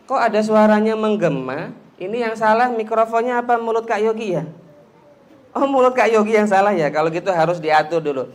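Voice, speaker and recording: A man's voice: high-pitched, fairly quick. A man giving a playful talk to a group of children, teasing them and leading call-and-response chants into a handheld microphone. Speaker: children's speaker. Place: school hall with children.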